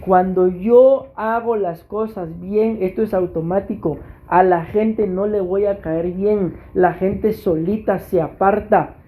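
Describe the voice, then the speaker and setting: A man's voice: high voice, steady tone, slow pace, few pauses, warm tone. A man with a Costa Rican accent, preaching a sermon as pastor and often calling out to his congregation. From Costa Rica. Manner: preaching, repeatedly addressing the congregation.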